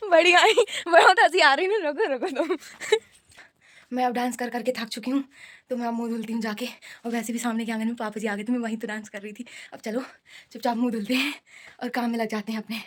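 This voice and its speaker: A woman's voice: fairly high pitch, fairly even intonation, quick pace, no echo. A young woman chatting playfully in a casual daily vlog, laughing often, recorded outdoors on a handheld phone. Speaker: vlogger. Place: outdoors at home and by a road.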